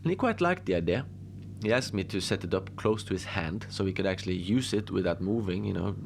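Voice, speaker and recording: In a cozy horror audio drama, a man plays a deadpan lone adventurer relating his odd tales slowly and conversationally, rambling with halting asides. His voice is deep with vocal fry, and the mood is deadpan and musing. Slight background noise is present.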